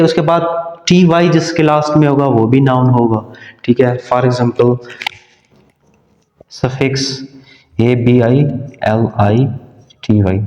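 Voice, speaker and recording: A male teacher giving a grammar lecture, speaking slowly and repeating words, spelling them out letter by letter. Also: medium pitch, darkish tone. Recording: dull echoey room recording.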